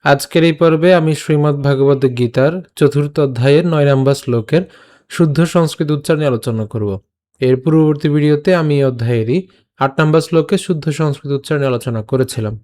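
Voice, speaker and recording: রাগী নয়, ধৈর্যশীল বাঙালি পুরুষ শিক্ষক. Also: male voice, on the high side, fast talker, darkish tone. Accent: Bengali. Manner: explains patiently, breaks words into syllables and repeats them. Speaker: Gita recitation teacher. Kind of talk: online lesson with slow syllable-by-syllable recitation.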